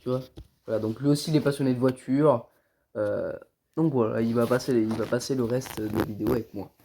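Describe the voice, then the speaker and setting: Against a noisy background, this car video host talks a little fast in a gravelly, medium-pitched, steady voice. He's colloquial and buddy-like with viewers, though clearly tired and ill with something like the flu.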